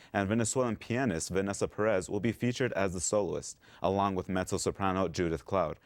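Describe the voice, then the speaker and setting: Deep-voiced male news anchor. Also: no echo. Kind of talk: scripted news intro.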